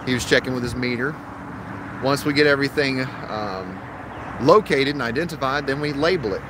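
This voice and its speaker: On a commercial rooftop, a man in his thirties who works as an HVAC technician explains the job step by step, talking casually into his phone camera. He has a mid-range voice and speaks fairly quickly. The phone sits at arm's length, and the outdoor sound includes traffic.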